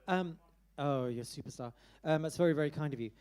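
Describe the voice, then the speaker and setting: A man's voice: a little high, fast, a little mellow, clear, resonant tone. A man hosting a live musical theatre showcase in a small club, chatty and teasing with the performers. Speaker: host.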